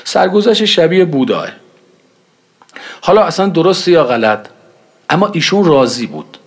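A man's voice: on the high side, sing-song. A man preaching in a conversational way, telling anecdotes and acting out the dialogue in them. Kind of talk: storytelling religious talk.

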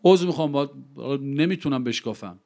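A man giving an impassioned speech to a gathering. He fires rhetorical questions at the listeners, slows right down to stress key phrases, and tells anecdotes with quoted dialogue. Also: medium pitch. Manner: lively storytelling with quoted dialogue. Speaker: public speaker addressing a gathering.

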